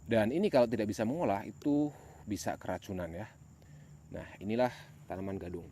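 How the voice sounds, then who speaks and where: A man with a fairly low voice narrates a casual walking vlog at night. His manner is uneasy and pious. The outdoor recording carries clear noise, with animal and nature sounds around him. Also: animated, a little fast, warm tone. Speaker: host of a night exploration vlog. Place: outdoors in an overgrown plantation at night.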